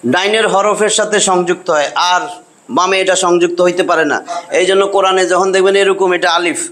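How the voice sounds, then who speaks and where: A man's voice: high voice, fairly even intonation, fairly quick, a bit bright. A man teaching a class how to read and pronounce letters, repeating each sound patiently. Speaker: Quran reading teacher. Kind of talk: classroom lesson.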